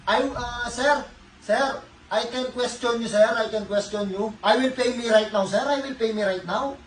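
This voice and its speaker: A Filipino man vlogging a prank call, speaking halting broken English and laughing often. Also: extremely high pitch. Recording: echoey room, far from mic, noisy.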